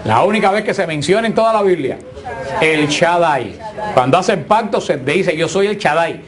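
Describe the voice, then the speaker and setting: A man's voice: sits high, animated, a little fast, crowd noise. Man lecturing a Bible class. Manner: asks the class questions, repeats himself. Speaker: Bible teacher.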